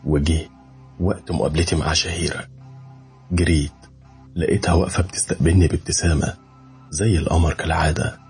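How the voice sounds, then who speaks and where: A man's voice: rumbling low, steady tone, a little fast, pauses often, a little mellow, slightly rough, faint music behind. A man with an Egyptian Arabic accent telling a first-person horror story in a dramatic, intense way.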